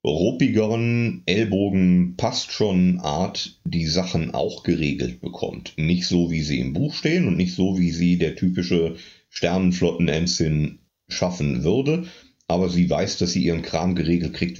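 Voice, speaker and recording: Deep-voiced man, emphatic and dull-toned. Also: lively intonation, unhurried, darkish tone. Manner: emphatic, argues his point firmly. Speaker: podcast co-host. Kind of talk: casual discussion.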